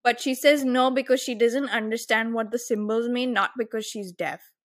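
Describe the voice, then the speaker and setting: A woman's voice: a little high, normal speed. A woman with an Indian accent casually retelling a film plot as a podcast host, acting out bits of dialogue and mixing in some Hindi. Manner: animated storytelling, often quoting dialogue in English mixed with Hindi.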